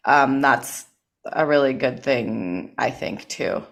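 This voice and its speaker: A woman's voice: rumbling low, animated, slow pace, creaky. A woman hosting a podcast, talking in a chatty, rambling way full of likes and you knows. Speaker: podcast host. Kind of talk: casual chat.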